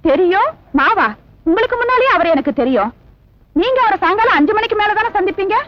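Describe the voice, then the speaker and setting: An actress playing a teasing, playful office telephone operator. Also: female voice, very high voice, expressive, quick pace. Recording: dull old film soundtrack with music.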